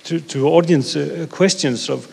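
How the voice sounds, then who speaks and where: A man's voice: fairly high pitch, unhurried, vocal fry, a little mellow, husky. A man in his thirties moderates a panel with a slightly raised voice. He searches for words aloud and circles back on himself with many fillers. The handheld mic picks up the long echo of a bare seminar room. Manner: hesitant, many fillers and restarts. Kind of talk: panel discussion. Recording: reverberant room.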